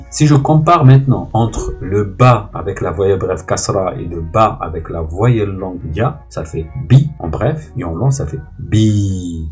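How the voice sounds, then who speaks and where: A man teaching step by step in a patient, explanatory way, slowly repeating sounds for learners. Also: on the low side, a little mellow. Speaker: Arabic teacher. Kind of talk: step-by-step lesson narration.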